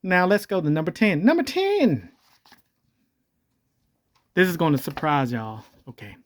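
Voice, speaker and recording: Unhurried but with huge pitch swings, a video host talks through a voice changer that morphs their voice. The commentary is jokey and rambling, and they keep correcting themselves as the pitch jumps about.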